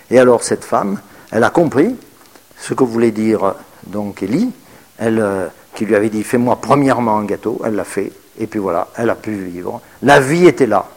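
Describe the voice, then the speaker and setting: A man preaching a sermon in French, reading scripture aloud and commenting on it, with hesitations, and moving from raised, emphatic bursts to quiet, murmured asides. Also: lowish voice.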